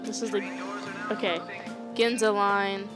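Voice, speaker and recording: Woman streamer reading game lines out loud, chill and offhand, cusses some, game music in the back. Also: medium pitch, flat delivery, measured pace, poor audio. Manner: casual and offhand, swearing. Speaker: gaming streamer. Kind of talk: let's-play commentary, reading game text aloud.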